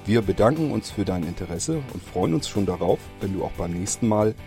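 Low, mellow man reading a podcast outro. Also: lively intonation, a little fast, faint music behind. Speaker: podcast host.

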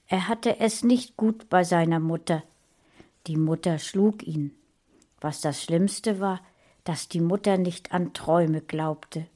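A woman reading a fantasy story aloud in a calm, even way. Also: on the low side. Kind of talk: audiobook narration.

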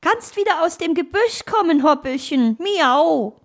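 A woman's voice: very high voice, lively intonation, unhurried, voice pushed up, heavily acted. A woman voicing a friendly cat in a children's audio story who soothes others and adds meows. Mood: reassuring. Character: friendly young cat who says meow.

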